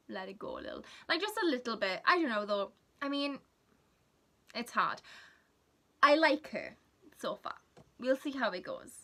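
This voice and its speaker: Speaking in a fairly high, pushed, bright voice, a young woman from Wales rambles through a casual vlog with giggly side comments. She has a Welsh accent and grew up with Welsh as her first language.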